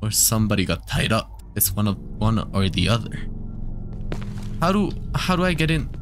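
A man's voice: on the low side, sing-song, moderate pace, over music. A man streaming a horror game with casual commentary, scared and jumpy, with campy, sassy slang and dramatic reactions. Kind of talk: casual let's play commentary.

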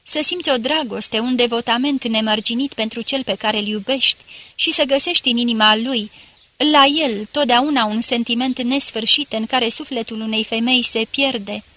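Narrator voicing a radiant young wife, effusive, bright higher tone, storybook reading. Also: female voice. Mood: rapturous. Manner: rapturous, effusive. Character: young woman, joyful, adoring wife.

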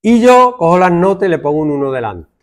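A man's voice: sits high, brisk. Spanish teacher guy lecturing the class, voice jumps up and down a lot, mocks the kids' excuses. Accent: Spain Spanish. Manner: lively, lecturing, acts out students' complaints in mocking voices. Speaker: secondary school teacher. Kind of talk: classroom talk to students.

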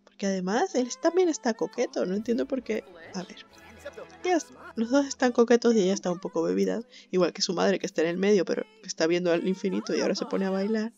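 Chatty woman with a gravelly voice. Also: medium pitch, fast, darkish tone, muffled recording, faint music behind. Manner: chatty, sympathetic, laughs often. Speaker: gameplay commentator. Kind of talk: casual let's-play commentary.

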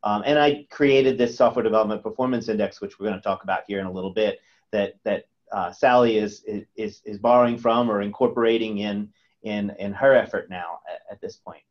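A man's voice: lowish voice, a little fast, muffled recording. A man speaking as a guest in a webinar over a video call, often repeating words as he restarts. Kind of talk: webinar presentation. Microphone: webcam on video call.

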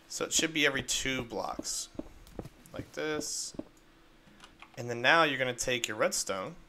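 A man's voice: medium pitch, a little slow, sharp tone, slight background noise. A man casually narrating a game-building tutorial step by step, upbeat and playful with little sound effects. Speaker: Minecraft video creator.

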